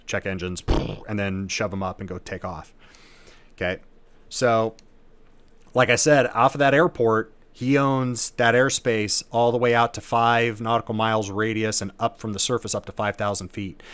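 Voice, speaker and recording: Hosting and instructing an aviation lesson, this man has a fairly low pitch with a slightly bright tone and no echo around him. His teaching is casual and chatty, walking through each step with plenty of technical terms.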